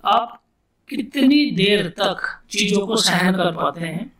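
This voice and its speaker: A man with an Indian accent teaching English vocabulary in a casual classroom style, repeating words slowly and asking himself questions as he explains. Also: high-pitched, lively intonation, a bit bright. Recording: echoey room, distant mic.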